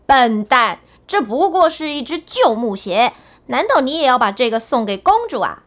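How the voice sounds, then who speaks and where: Lady doing snooty big brothers, mocking, high bright voice, storybook. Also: very animated, normal speed. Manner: sneering, mocking. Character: two mocking older brothers, smug young men.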